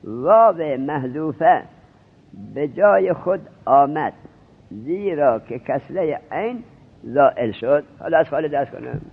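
A man's voice: a little high, expressive, gravelly, slightly rough. Man drilling grammar over a tinny line. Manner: questioning, drilling students. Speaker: seminary teacher. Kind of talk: Arabic grammar lesson in Persian. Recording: tinny lo-fi narrowband recording.

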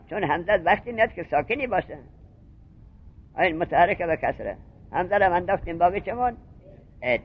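Lively high-voiced man teaching a class. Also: husky. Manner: questioning, repeats points to drill students. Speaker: seminary teacher. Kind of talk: classroom lecture on Arabic grammar. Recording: muffled lo-fi lecture recording.

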